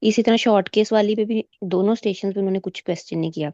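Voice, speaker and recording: A woman tells her story in lively casual speech, acting out what the examiners and she herself said. Her voice is mellow and darkish. The video call sounds dull, lo-fi and dry. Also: mid-range voice, quick pace, no room sound. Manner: animated retelling, quoting examiners and herself; mixes English medical terms into her talk. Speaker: exam candidate sharing her experience. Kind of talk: casual storytelling in a recorded meet.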